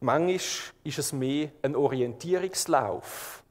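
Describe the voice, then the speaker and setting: A man with a Swiss German accent preaching a sermon to his congregation, calm and measured, painting scenes vividly as he speaks. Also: mid-range voice, in a large hall.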